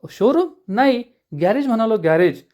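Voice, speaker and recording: Sheepish young husband, caught lying, pleading excuses, high voice, read by a man. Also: lively intonation, normal speed, a little mellow.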